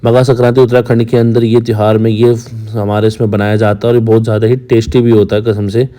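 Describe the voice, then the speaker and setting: A man's voice: on the low side, little pitch movement, quick pace, warm tone. A young man who runs a coaching class, narrating his day in a casual vlog voice-over and teasing his students. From Uttarakhand. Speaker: coaching teacher and vlogger.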